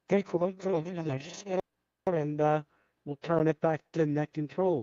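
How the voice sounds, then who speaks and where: A man checking in on an amateur radio net in a relaxed, casual way with many fillers, heard over a ham radio link. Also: on the high side, no echo. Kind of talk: casual on-air radio chat. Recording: lo-fi radio transmission, dull.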